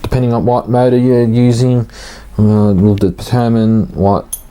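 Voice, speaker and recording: A man giving a casual, hands-on tutorial, informal and halting as he thinks aloud while working. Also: medium pitch, flat delivery, dark tone, clean tone. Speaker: hobbyist host of an RC car build series.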